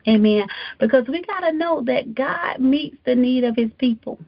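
A woman preaches in a fairly high voice with a lot of gravelly creak. She exhorts emphatically, circling back on phrases to drive them home. The sound is a little husky, on a slightly dull, lo-fi recording. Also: expressive, moderate pace. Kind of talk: sermon.

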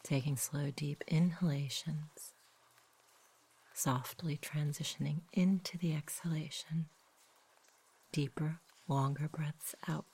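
Narrating a sleep meditation, a woman speaks with a breathy, low-for-a-woman voice that frequently slips into whispering. Intonation is fairly even as she takes her time, soft and gentle with every phrase.

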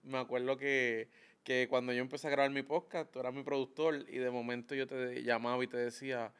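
A man, a guest on a podcast, friendly and excited, calling the host "bro.". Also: mid-range voice, fairly quick, clear, resonant tone. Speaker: guest, podcaster and sales leader. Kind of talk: casual podcast interview. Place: podcast studio.

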